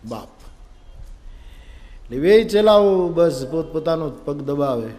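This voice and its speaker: A man's voice: a little high, slow pace. A man with a Gujarati accent telling a humorous religious story in a sermon, acting out the characters' lines. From India. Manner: animated, acts out characters, audience laughter. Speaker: spiritual storyteller. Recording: long-reverb hall, live event.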